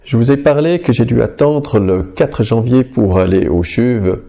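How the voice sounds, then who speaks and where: Gravelly-voiced man giving a faith testimony. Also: medium pitch, mellow. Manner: earnest, halting, with frequent restarts and fillers. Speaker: person giving a healing testimony. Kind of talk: personal testimony, spoken.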